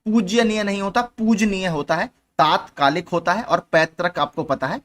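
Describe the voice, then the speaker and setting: Patiently tackling exam questions in turn, this young man teaches as a channel host and returns again and again to the key points. His voice is on the high side and a bit bright, peppered with frequent "theek hai" checks.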